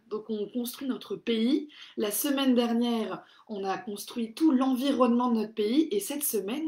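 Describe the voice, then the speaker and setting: Woman hosting a kids craft live stream, bit high voice, shouting out viewers by name, echoey room. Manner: cheerful, greets viewers by name, reads comments aloud. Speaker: craft workshop host.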